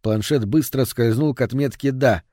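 A man reading a horror novel aloud in an even, measured way. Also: mid-range voice, dry recording, clean studio sound. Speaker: audiobook narrator. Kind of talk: scripted horror narration.

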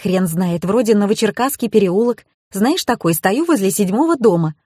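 A woman reading an audiobook, voicing an excitable, dramatic young woman who talks shrilly and in a rush. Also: moderate pace, slightly rough, no echo, studio quality. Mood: panicked. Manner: shrill and breathless, higher pitched.

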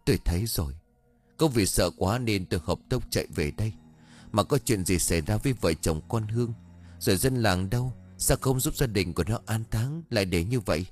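A man's voice: lowish voice, animated, brisk, soft background music, lightly acted. A man voicing a frightened older village chief in an audiobook story, talking in a shaken, pleading way. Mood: worried.

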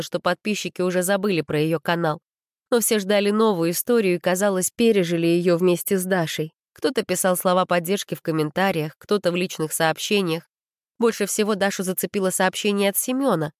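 A woman narrating a children's story in the first person, with expressive storytelling. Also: fairly low pitch, no room sound, studio quality. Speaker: audiobook reader.

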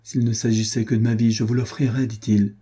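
A man's voice: mid-range voice, level tone, a little fast, mellow, husky, natural voice. A man voicing a dutiful soldier who guards a prison, firm and unbending, in a storybook reading.

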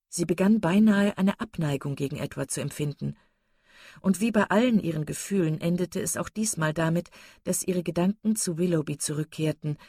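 A woman narrating a classic novel as an audiobook in a steady, even storytelling voice. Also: deep voice, breathy edge, no echo, clean studio sound. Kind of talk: scripted literary narration.

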